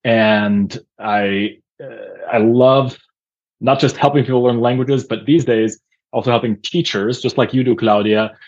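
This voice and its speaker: Man from Austria, husky voice, muffled lo-fi call audio, thoughtful teacher guest. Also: medium pitch, steady tone, unhurried. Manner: thoughtful, with frequent uh fillers. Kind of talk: casual interview chat.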